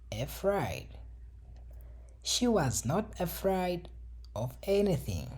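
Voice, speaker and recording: Woman, low pitch, very slow, breathy, lively intonation, scripted vocabulary lesson. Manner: reads each word pair twice, then each example sentence twice. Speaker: vocabulary teacher. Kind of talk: slow scripted word drill.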